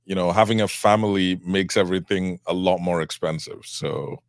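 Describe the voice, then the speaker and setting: A middle-aged man from Cameroon, a trial attorney, speaking as a guest in an interview in a measured, reflective way. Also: deep voice, fairly even intonation, dry recording, studio quality. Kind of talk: interview conversation.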